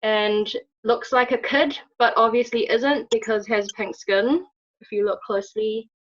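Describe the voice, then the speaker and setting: A woman player describing her character in a tabletop game over a video call, calm and matter-of-fact. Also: on the high side, a little slow, a little hiss or hum. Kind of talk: casual chat at a tabletop game. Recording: slightly muffled video-call audio.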